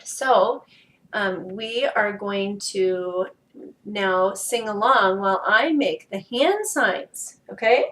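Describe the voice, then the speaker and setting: A woman's voice: medium pitch, slow pace, fairly bright tone, roomy sound, distant mic. A woman teaching a children's music lesson, explaining patiently step by step.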